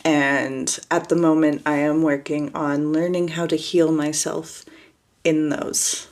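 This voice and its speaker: A woman casually introduces herself to her viewers in a low, slow voice. Her delivery is flat and monotone, rarely rising or falling, and she hesitates often with fillers and restarts.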